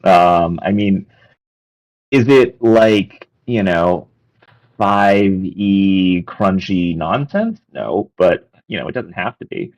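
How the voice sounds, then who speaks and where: A man's voice: deep voice, expressive, slow pace, a little mellow, low-quality recording. A man co-hosting a casual talk stream, hesitant and thinking aloud with many restarts. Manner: hesitant, full of "I mean" and restarts. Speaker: podcast co-host.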